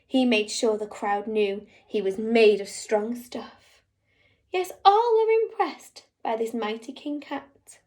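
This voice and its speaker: A woman teacher reading a rhyming picture book aloud, with an animated, rhythmic delivery. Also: a little high, takes it slowly.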